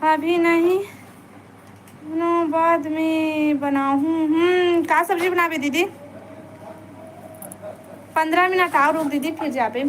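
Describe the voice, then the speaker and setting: A woman's voice: extremely high pitch, steady tone, slow pace, pauses often, slight background noise. A woman with a Chhattisgarhi accent chatting casually on a live stream, coaxing viewers to stay and like the stream. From Chhattisgarh, India.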